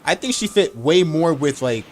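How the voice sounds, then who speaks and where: A man's voice: fairly high pitch, lively intonation, moderate pace, slight background noise. A man chatting casually on a live game stream, rambling and opinionated.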